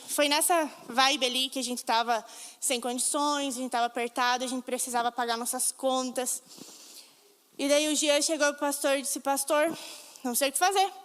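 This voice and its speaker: Woman preacher, high and fervent, acts out the dialogue, church reverb. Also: fairly bright tone. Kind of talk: sermon.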